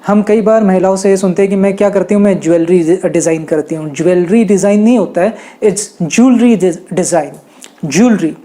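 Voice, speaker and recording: A man teaching pronunciation, who corrects words by saying them again slowly and deliberately. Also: high-pitched, fairly even intonation, warm tone. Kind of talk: explaining pronunciation.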